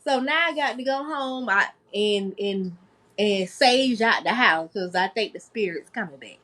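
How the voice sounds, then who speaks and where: A woman, telling a spooky story in a casual chat and quick to question and laugh. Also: medium pitch, expressive, sharp tone.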